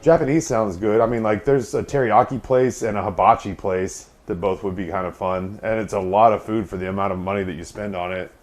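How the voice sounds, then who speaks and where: A man's voice: lowish voice, fairly even intonation, brisk, few pauses. Wry man in casual, teasing chat. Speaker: streamer hosting a charity subathon.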